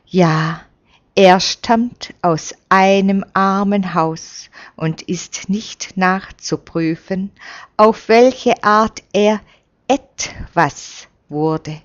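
A woman reading a story aloud in a slow, solemn way. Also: mid-range voice, lo-fi sound. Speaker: narrator. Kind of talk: reading aloud a religious novel.

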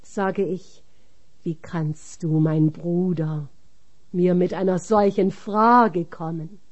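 Woman reader, solemn scripted reading, very slow, dark mellow tone. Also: fairly low pitch, steady tone, lo-fi sound.

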